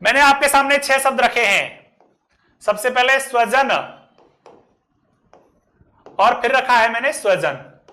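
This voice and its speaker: A man teaching a grammar lesson, reciting a verse slowly and then explaining it word by word. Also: very high-pitched, pushed and bright.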